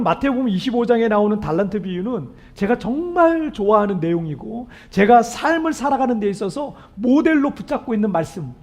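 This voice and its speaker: Questions aimed at the congregation run through this earnest, emphatic sermon from a male pastor. Hoarseness weakens his voice, and it cracks whenever he reaches for high notes.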